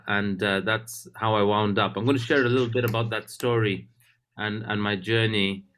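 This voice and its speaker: A man hosting an online webinar over a video call, talking in a casual, halting way with many fillers and restarts. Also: on the low side, a bit bright. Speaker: webinar host.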